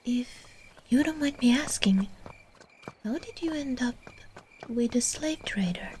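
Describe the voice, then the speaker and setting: A woman playing a soothing, genteel yet possessive vampire in a breathy, whispered ASMR roleplay. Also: on the high side, lively intonation, a little hiss or hum. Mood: gently sympathetic. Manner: slow, gentle, genteel endearments.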